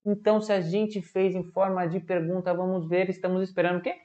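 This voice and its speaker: A woman teaching children programming, lively, with lots of questions and little acted-out dialogues. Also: fairly low pitch, fairly quick, muffled recording. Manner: animated, asks questions and acts out little dialogues.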